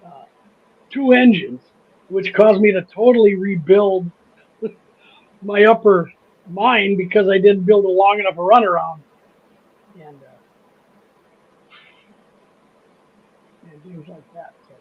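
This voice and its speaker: A man's voice: sits high, takes it slowly, pauses often, husky, narrow, tinny audio. A man with a Midwestern accent hosting a casual livestream chat, rambling, restarting sentences and laughing easily. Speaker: host of a model railroad channel.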